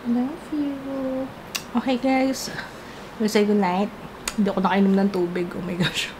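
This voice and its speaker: A woman's voice: medium pitch, moderate pace, background noise. A woman vlogger and mother chatting casually, giggling often and mixing in English. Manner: chatty, giggly, switches between Tagalog and English. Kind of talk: casual vlog chat.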